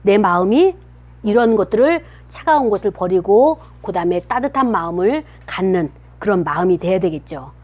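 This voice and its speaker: A woman's voice: mid-range voice, expressive, moderate pace. A woman giving a children's sermon, telling a story and asking the children questions as she goes. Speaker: children's pastor. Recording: dull lo-fi recording.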